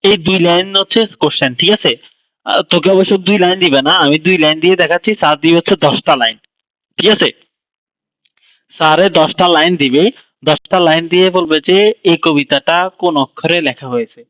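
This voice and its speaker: A man's voice: fairly high pitch, a bit bright, dry recording, rough recording. A young man casually tutoring a friend, sounding out syllables and often checking that he follows. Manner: informal, repeats and sounds out syllables slowly, keeps checking understanding. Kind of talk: casual one-on-one explanation.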